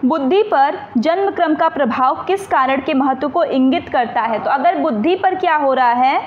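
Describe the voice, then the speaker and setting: A woman with a high voice explains exam answers one by one, often asking a question and answering it herself. She reads the English question text slowly and carefully. The recording sounds dull and muffled, with a faint hiss underneath. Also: lively intonation. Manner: explains step by step, asks and answers her own questions. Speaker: teacher. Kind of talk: exam question walkthrough lesson.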